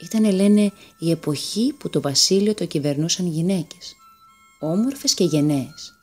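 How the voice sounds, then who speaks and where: A woman narrating a fairy tale in a calm, measured storytelling manner. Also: lowish voice, soft background music.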